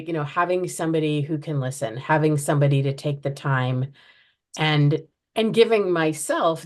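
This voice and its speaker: With a deep, slightly mellow voice, an American woman appears as a podcast guest to talk about the project she founded. She's earnest, repeatedly restarting her sentences and groping for words.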